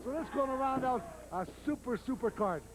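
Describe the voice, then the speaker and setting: A man's voice: very high-pitched, lively intonation, a little fast, noisy background. A man giving eager, chatty color commentary on a 1989 TV wrestling broadcast. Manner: eager, chatty, repeats himself.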